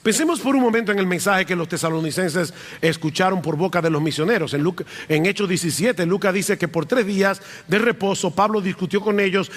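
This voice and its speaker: A man's voice: high voice, fairly bright tone. A middle-aged male pastor preaching a sermon, emphatic and repeating key phrases for stress. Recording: long reverb of a large hall.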